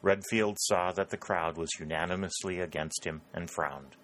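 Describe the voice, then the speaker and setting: A man narrating a historical novel in steady, scripted storytelling. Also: deep voice, normal speed. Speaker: audiobook narrator.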